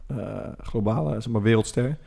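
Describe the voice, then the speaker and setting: A man's voice: mid-range voice, normal speed, vocal fry, mellow. A man, co-hosting a casual podcast chat and telling rambling stories full of fillers. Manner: rambling storyteller with many fillers. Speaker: podcast co-host.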